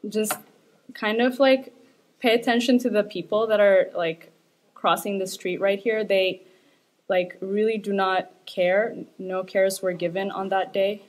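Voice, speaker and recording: Woman from Ethiopia, young adult, grad student presentation, hesitant, lots of ums. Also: mid-range voice. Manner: hesitant, many fillers, light laughs. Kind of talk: academic presentation.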